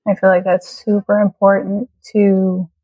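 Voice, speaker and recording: A birth photographer in her late twenties, from Trinidad and raised in Florida, guests on a casual interview. Her mid-range, dark voice moves little in pitch and runs a little slow, over a low-quality recording. She is reflective, laughs often, and uses many fillers.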